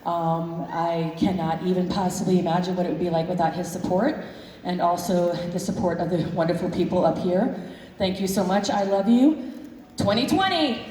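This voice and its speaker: A woman's voice: fairly low pitch, normal speed, noisy background. A woman chairing a convention, giving an earnest, thankful closing speech with nervous fillers from a hotel hall stage. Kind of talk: closing ceremony speech to a crowd. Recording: echoey hall from far off, loud crowd.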